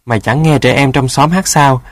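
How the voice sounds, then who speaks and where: Storybook dog, gruff guard with a soft heart, played by a man. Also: mid-range voice, moderate pace, dry recording, clean studio sound, natural voice. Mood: scolding. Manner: gruff and bossy.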